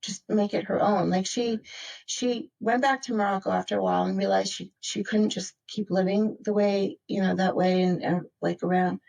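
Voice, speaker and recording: A woman's voice: mid-range voice, steady tone, normal speed, gravelly, darkish tone, rough recording. A woman from Maryland speaking as a podcast guest in a casual interview, reflective and rambling, full of "like" and "you know". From Maryland, United States.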